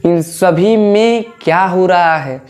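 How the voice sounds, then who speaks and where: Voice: mid-range voice, slow, darkish tone. Teacher drilling basics with self-answered questions. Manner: asks questions and answers them himself, repeats key points; calls viewers "babu" affectionately. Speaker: English teacher. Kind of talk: online lesson in Hindi.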